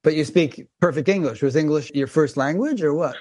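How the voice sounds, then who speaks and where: A man hosting a conversational interview over a video call, relaxed and measured with a dry sense of humor. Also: on the high side. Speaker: podcast host.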